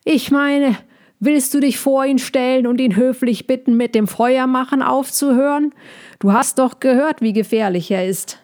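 Woman doing a storybook hedgehog, male, small, fussy, scolding, high-pitched, loud, agitated. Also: normal speed, close to an everyday voice. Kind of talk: storybook reading.

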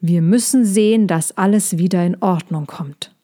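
A woman voicing an ancient, stern female dragon in a children's story, with a slow, commanding manner. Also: fairly low pitch, mellow, natural voice.

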